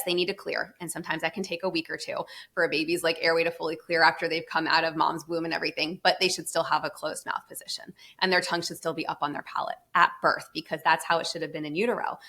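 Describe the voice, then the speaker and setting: A woman's voice: lowish voice, pushed and bright. A woman guest on a podcast, a pediatric therapist who explains her work at length in a passionate, emphatic way. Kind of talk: casual podcast conversation.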